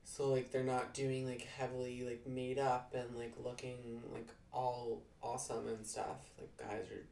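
A young woman with a remarkably deep, low voice co-hosts a podcast in casual chat. She talks in a relaxed, dry way, filling her sentences with "like," and her voice rings a bit in an echoey room. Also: unhurried, slight background noise. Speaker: podcast co-host.

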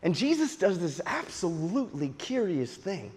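A man delivers a sermon in a somewhat high voice, leaning into the story and shifting his pace and volume to stress each point. His words carry a long reverb, as if spoken in a large church hall. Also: sing-song, moderate pace, husky. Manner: storytelling, varies pace and loudness for emphasis. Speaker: pastor.

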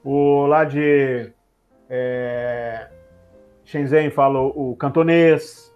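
A middle-aged man, a former airline pilot telling stories in a relaxed interview, using many tag questions. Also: medium pitch, drawn-out words, lo-fi sound, soft background music. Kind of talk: casual interview chat.

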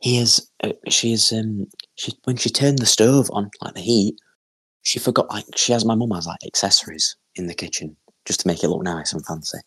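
Young lad, podcast co-host, deep husky voice, rambling and sweary. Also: male voice, moderate pace, sharp tone, no room sound. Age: young adult. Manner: rambling storyteller with lots of fillers and swearing. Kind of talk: casual chat and anecdote.

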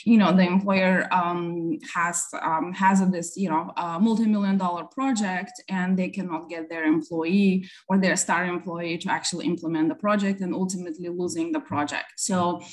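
A woman from Bulgaria, an immigration attorney, answering interview questions casually with many pauses and fillers and a light laugh. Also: on the low side, steady tone.

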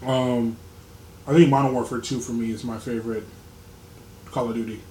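A man's voice: medium pitch, fairly even intonation, normal speed, mellow, slight background noise. A young man co-hosting a casual podcast chat, laughing often and acting out the voices in his stories. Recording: echoey room with faint ambience.

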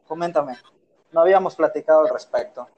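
Recorded on a phone in his room at home, this Yucatecan-accented podcast co-host from Yucatán, Mexico, rambles playfully through a casual show. His fairly high voice moves a little fast, the highs are cut off, and there's slight background noise.

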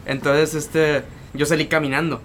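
A man's voice: a little high, little pitch movement, unhurried, fairly bright tone, a little hiss or hum. Slangy guy telling a story. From Mexico. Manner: slangy, repeats words and tags lines with "güey". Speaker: podcast co-host. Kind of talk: casual chat, storytelling.

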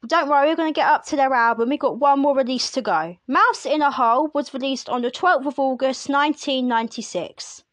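A woman's voice: high voice, dry recording. A woman hosting a music podcast, reading release lists in a chatty way with wry asides to the listener. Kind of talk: casual solo commentary.

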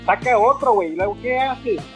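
A man with a Mexican accent telling a crude story in casual chat, animated and profane, full of slang. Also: very high voice, brisk, faint music behind, rough recording. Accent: Mexican Spanish. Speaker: podcast co-host. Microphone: phone.

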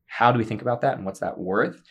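A man's voice: mid-range voice, quick pace, fairly bright tone, slightly rough. A man on a casual podcast, explaining eagerly with frequent fillers.

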